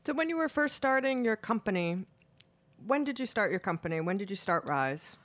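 A woman's voice: mid-range voice, very animated, brisk, a bit bright. A woman hosting a weekly radio talk show, chatty and joking, talking with her mouth full at times. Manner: chatty, jokey, talks while eating. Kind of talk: casual radio interview. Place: radio studio.

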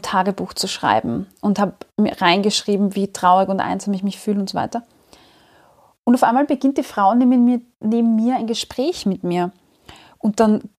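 A woman's voice: mid-range voice, a little mellow. A woman telling a personal story in conversation, candid and emotional, often restarting her sentences.

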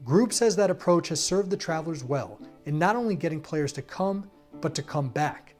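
A male reporter narrates a sports feature in a steady, scripted read. His voice sits a little high for a man, with faint guitar music playing underneath. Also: moderate pace.

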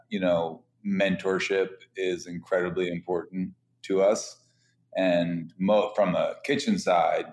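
A man's voice: low-pitched, a little mellow. A man, a chef and restaurant co-founder, talking casually in an interview with eager, stumbling restarts.

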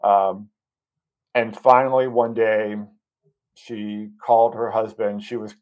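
A man being interviewed as a guest, a doctor, telling a long story in an earnest, halting way, with many ums and restarts and audible emotion. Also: fairly low pitch, little pitch movement, muffled recording. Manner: emotionally moved while recounting.

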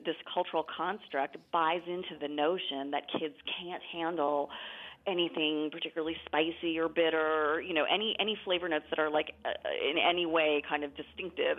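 Gravelly low-voiced woman author over a phone line. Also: fairly even intonation, fairly quick. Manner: chatty, explanatory, frequent fillers. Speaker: author guest. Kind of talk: conversational interview.

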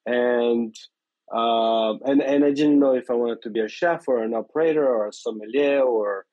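With a medium-pitched voice at normal speed, a man in his fifties from Brazil, who is a chef and restaurant owner, gives a casual interview in a Brazilian Portuguese accent. He speaks hesitantly, leaning on many fillers, and the recording sounds dry and slightly dull.

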